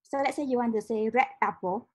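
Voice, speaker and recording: A young woman whose first language is Vietnamese gives a casual tech-meetup talk with slides over a video call, picked up by a webcam mic. Her voice is a little high and brisk, and she explains things step by step with many ums.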